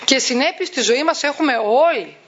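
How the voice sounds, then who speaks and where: A woman with a high voice gives parents advice and acts out the voices of parents and children with a lot of energy. Her pitch rises sharply on key words. The recording sounds dull and muffled. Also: expressive, a bit bright. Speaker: parenting educator. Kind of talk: talk giving advice to parents.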